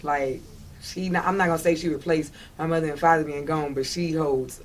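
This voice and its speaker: A low-sitting, steady female voice speaks a little fast over slight hiss or hum. The speaker, a Detroit, United States native with a Detroit accent, is a casual interview guest who talks emphatically, uses slang and keeps checking the listener understands.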